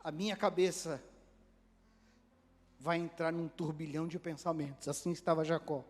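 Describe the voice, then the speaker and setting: A Brazilian man preaching a sermon as a pastor, animated and acting out dialogue, joking with his congregation. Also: on the high side, moderate pace. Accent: Brazilian Portuguese. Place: church hall. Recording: long hall reverb in a church.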